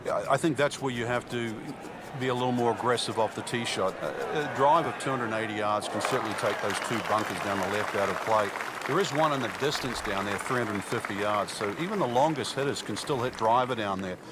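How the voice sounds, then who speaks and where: A man working as a golf commentator, giving conversational, explanatory analysis in a measured way. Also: fairly low pitch, lightly acted. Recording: outdoor crowd and ambient noise behind. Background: loud crowd, outdoor ambience.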